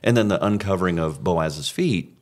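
A pastor casually talking over a recent sermon, thinking aloud with frequent restarts. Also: male voice, sits low, animated, normal speed.

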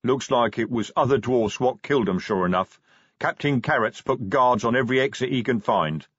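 A man voicing a big male troll sergeant who talks slowly and patiently, with broken grammar. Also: mid-range voice, fairly bright tone, breathy edge, dry recording. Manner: slow, patient, plodding, ungrammatical. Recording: dry, slightly dull audiobook sound.

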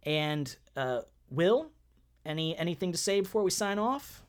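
A man's voice: fairly high pitch, very animated, a little slow, clean tone. A man co-hosting a podcast in casual chat, rambling and correcting himself as he talks, often laughing. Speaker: podcast co-host.

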